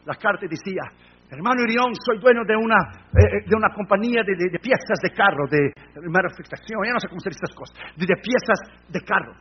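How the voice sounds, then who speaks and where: A man preaching a sermon as a pastor, telling a story with passion, dropping from hushed tones to shouting and sprinkling in English phrases. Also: sits high, quick pace, dull audio, slight background noise.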